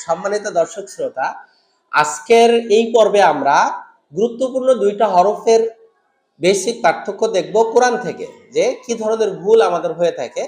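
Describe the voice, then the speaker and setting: Man, tajweed teacher, repeats syllables, roomy echo. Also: high voice. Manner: drills letters, repeating syllables slowly. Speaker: Quran recitation teacher. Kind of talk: tajweed pronunciation lesson. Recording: echoey room.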